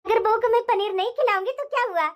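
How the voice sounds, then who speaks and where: A scheming, boastful mother-in-law from a family cartoon, voiced by a woman. Her voice sits very high and thin, and she swings between fake sweetness and sharp taunts. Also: fast. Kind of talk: cartoon voice acting.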